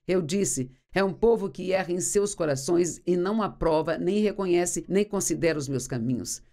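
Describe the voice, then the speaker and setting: Female Bible teacher, earnest and instructive, warm, slightly low voice. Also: moderate pace. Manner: earnest, instructive, reads scripture aloud. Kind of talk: sermon teaching, dubbed voice-over.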